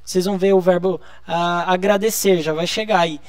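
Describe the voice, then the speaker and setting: A man's voice: sits high, steady tone, moderate pace, clear, resonant tone, no room sound. A man from Brazil teaching a live online lesson, explaining patiently and drawing out key words. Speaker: German teacher.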